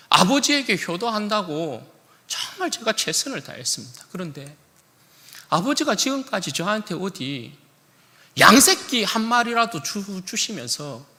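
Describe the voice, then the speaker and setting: A man's voice: sits high, voice pushed up, heavily acted. A man playing an indignant elder son. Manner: indignant, loud and reproachful. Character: resentful grown elder son confronting his father. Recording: echoey church hall.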